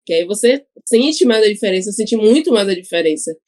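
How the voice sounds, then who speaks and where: With a medium, slightly mellow voice and lively intonation, this fast-talking Bahian woman chats casually as a podcast guest. A cachaça ambassador with a Bahian Portuguese accent, she laughs often and uses frequent tag questions.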